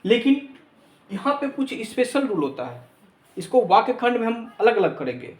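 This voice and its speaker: A man's voice: very high-pitched, sing-song, normal speed, roomy sound. A man teaching a lesson, spelling letters out one by one. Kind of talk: classroom lesson.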